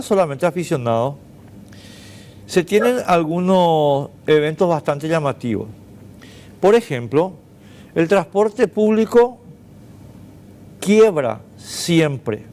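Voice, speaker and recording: A man's voice: a little high, a little mellow. A man, hosting a studio talk show, who argues emphatically and drives home his points with rhetorical questions. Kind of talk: studio interview and debate.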